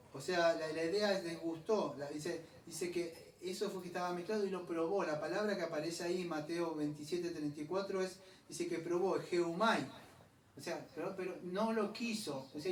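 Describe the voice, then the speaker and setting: A man, his voice pitched a little high, preaches a loose, chatty sermon that wanders into side stories and slows down to spell out Greek words. He sounds distant from the mic in an echoey church hall, with faint background noise. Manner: chatty, digressive, explains Greek words slowly. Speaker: pastor. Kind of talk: conversational sermon.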